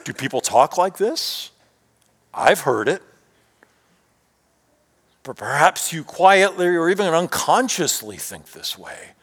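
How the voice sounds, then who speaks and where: A man delivering a sermon in a high, lively voice that climbs and falls, sometimes sinking nearly to a whisper. He speaks in rhetorical questions. His words ring out with a long reverb, as in a large hall. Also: takes it slowly, pauses often, slightly rough. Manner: rhetorical questions, rising and dropping to near whisper. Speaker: preacher.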